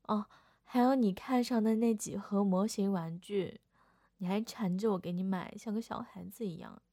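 A woman's voice: medium pitch, warm tone, no room sound. A young woman voicing a playful older sister in a second-person audio role-play, whining and teasing coquettishly.

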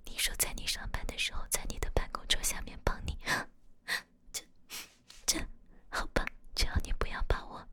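A woman's voice: normal speed, long pauses, bright, forceful tone, natural voice. A woman whispering the part of a flustered young office worker who pleads with a coworker. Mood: pleading.

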